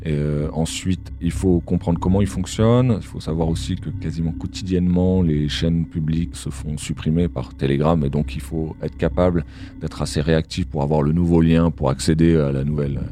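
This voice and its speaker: A man's voice run through a voice changer, dropped to an extremely deep, unnatural pitch. He talks as an analyst guest in an interview, calm and explanatory, pausing often on fillers as he thinks. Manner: measured explanatory talk with frequent hesitations. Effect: voice changer, disguised voice. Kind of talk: podcast interview.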